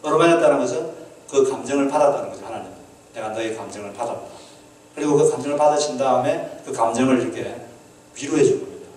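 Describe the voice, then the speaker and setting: A man's voice: mid-range voice, quick pace, darkish tone. Male pastor, sermon, earnest questions to the congregation, echoey hall, heard from a distance. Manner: earnest, asks the congregation questions, acts out quoted prayers.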